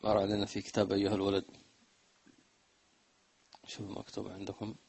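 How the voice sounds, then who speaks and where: A man giving a religious lesson, chanting lines of verse slowly and then explaining them in quick, plain talk. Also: on the low side, completely flat delivery, gravelly, darkish tone, breathy edge, rough recording. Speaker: religious teacher.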